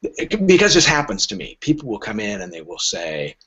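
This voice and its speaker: Fairly low in pitch but wildly swooping, this man talks a little fast with a somewhat bright, breathy sound. He is middle-aged or older, responding to interview questions as a literary agent with frank emphasis and acted-out imagined dialogue. The podcast audio is dull and lo-fi.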